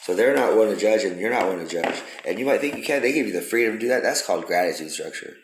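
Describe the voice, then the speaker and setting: A man's voice: lowish voice, expressive, fast talker, a little hiss or hum. A man giving a rambling, profane philosophical monologue, repeating himself for emphasis. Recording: roomy echo.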